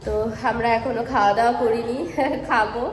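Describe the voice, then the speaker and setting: Woman vlogging with a hoarse cold voice, high pitch, sing-songy with her toddler, big echoey hall, faint noise. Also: fairly even intonation, brisk. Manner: coaxing, sing-song baby talk, chatty asides. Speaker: vlogger and mother. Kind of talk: casual vlog narration and talking to a toddler. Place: indoor play zone in a housing society.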